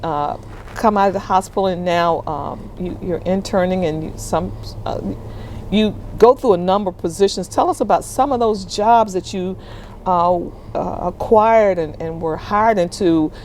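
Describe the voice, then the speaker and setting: A woman hosting a table talk, affirming her guest and asking questions with halting restarts. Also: on the low side, darkish tone, slight background noise. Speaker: host. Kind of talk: interview at a table.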